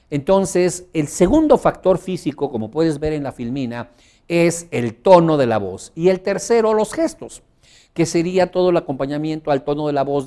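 Male speaking coach giving a teleseminar lecture, fairly high voice, strong swings in loudness, measured pacing with filler sounds. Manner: strongly modulated, rising and dropping volume for emphasis; frequent fillers, slow deliberate phrasing. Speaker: public speaking instructor.

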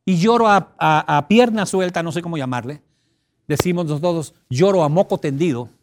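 A middle-aged man giving an expressive teleseminar talk, emphatic and repetitive, breaking into sudden loud cries to illustrate a point. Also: fairly high pitch, normal speed, noisy background. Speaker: personal development teleseminar speaker.

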